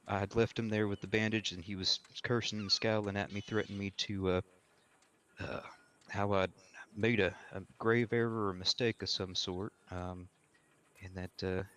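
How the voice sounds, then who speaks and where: A low-voiced frontier woodsman played by a man testifies in a courtroom role-play. He is measured and deliberate, choosing formal words and halting often as he goes. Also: little pitch movement, fairly bright tone, lightly acted. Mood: measured, careful.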